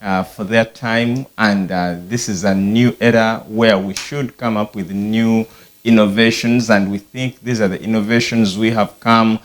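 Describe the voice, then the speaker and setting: Male talk-show host, low voice, reflective and unhurried. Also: fairly even intonation. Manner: measured, reflective, many fillers. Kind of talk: studio discussion.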